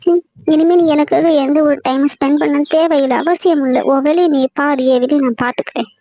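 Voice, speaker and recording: A woman's voice: high voice, fairly even intonation, brisk, mellow, dry recording. A woman playing a hurt young wife on the phone. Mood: hurt, angry. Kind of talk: acted phone-call drama.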